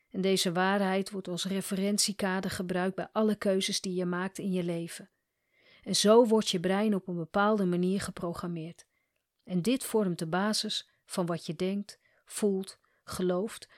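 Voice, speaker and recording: A woman coach reads a scripted story in a calm, measured manner. Her pitch sits at an ordinary middle height for a woman. The recording is dry and close, with little room sound. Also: dry recording. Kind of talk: scripted narration.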